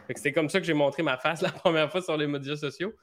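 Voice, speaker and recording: A man with a Québécois accent, a podcast guest talking in a relaxed, hesitant way with plenty of fillers. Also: on the high side, quick pace. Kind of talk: casual interview chat.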